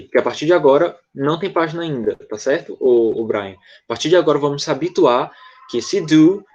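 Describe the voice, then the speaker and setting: A Brazilian Portuguese-speaking man teaches a video class in a fairly high voice, patient and methodical, checking in with students over and over. The sound is dull and lo-fi, like a computer mic on a call. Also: a little mellow. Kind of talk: online English lesson explained in Portuguese.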